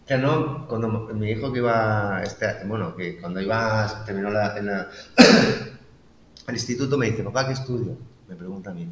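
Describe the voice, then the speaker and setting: A man's voice: fairly low pitch, moderate pace. Reflective man, echoey room. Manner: reflective, uses quoted inner dialogue. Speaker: guest. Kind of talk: casual conversational interview. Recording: echoey room with faint noise.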